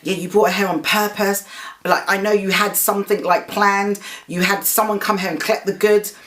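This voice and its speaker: A woman's voice: mid-range voice, steady tone, normal speed, a bit bright, voice pushed up, natural voice. A woman retelling an angry, defensive shop worker. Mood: accusing. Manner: insistent, heated protests.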